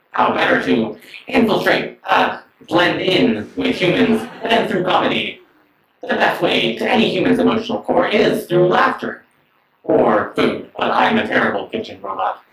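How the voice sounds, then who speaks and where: A man performing standup as a smug male comedy robot, with a deadpan, mock-mechanical delivery and snide asides. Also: medium pitch, creaky. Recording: roomy sound from a distance.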